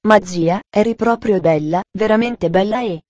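An eager little girl pleads in a soft, earnest voice, put on by a woman reading a storybook. The tone is mellow and warm, and the sound is close and dry with no room around it. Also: medium pitch, moderate pace, dry recording, lo-fi sound, natural voice. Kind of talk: audiobook reading.

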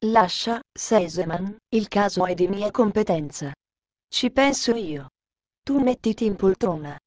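A woman reading as a gentle kindly doctor. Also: medium pitch, lively intonation, no room sound, lightly acted. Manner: gentle, soothing, unhurried. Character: kindly old male doctor, gentle and calm.

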